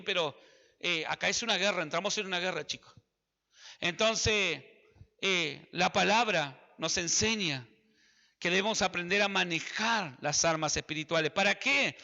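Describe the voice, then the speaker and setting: Man, Argentine accent, sermon, high gravelly voice, bright tone, repeats for emphasis. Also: normal speed, big-room sound, highs cut off. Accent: Argentine Spanish. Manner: emphatic, repeats phrases, addresses listeners directly. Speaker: preacher.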